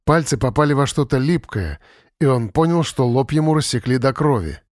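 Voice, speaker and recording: A man narrating an audiobook in a measured, tense storytelling manner. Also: mid-range voice, expressive, darkish tone, no room sound, studio quality. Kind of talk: scripted narration.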